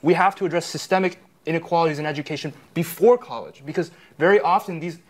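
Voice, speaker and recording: A young man, a student panelist, making measured points in a panel discussion. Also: on the high side.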